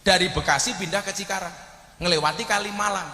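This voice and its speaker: A man with a Javanese accent delivers a comic sermon in a high, bright voice, shifting from quiet storytelling to sudden shouted punchlines. His voice rings through a large hall with a long, echoing reverb. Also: brisk. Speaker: preacher. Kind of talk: humorous sermon.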